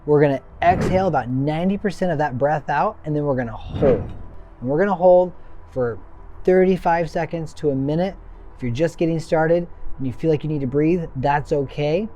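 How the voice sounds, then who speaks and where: A man's voice: on the high side, dark tone. A man instructing listeners through a guided breathing exercise with simple, instructional cues. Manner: instructional, short counted cues.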